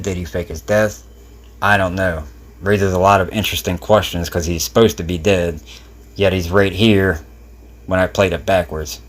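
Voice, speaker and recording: A man hosting a video, giving casual commentary in an informal, rambling, speculative way. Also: deep voice. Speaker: video host.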